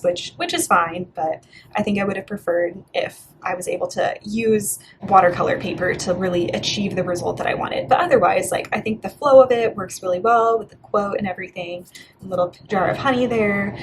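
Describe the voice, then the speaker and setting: A young woman from Bulgaria who talks through her bullet journal pages in a relaxed, chatty voice-over full of "like" and "yeah". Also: mid-range voice, noisy background. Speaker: art vlogger. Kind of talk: casual voice-over flip-through.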